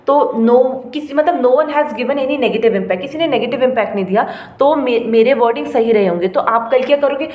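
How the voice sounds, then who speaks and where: A young woman giving a casual spoken-English lesson, chatty and encouraging, often checking in with her listeners. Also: a little high. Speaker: English-speaking coach. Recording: echoey room with faint ambient noise.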